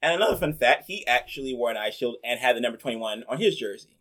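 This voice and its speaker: A man hosting a casual chat, rambling along in a relaxed way and filling his sentences with "like". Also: mid-range voice, quick pace. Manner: chatty, rambling, many "like" fillers.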